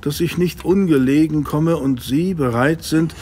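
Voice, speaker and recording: An actor playing a good-natured, flustered gentleman doctor, earnest and loyal, in a German audio drama. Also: a little high, unhurried, breathy edge. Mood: reading aloud. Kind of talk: German radio-play acting.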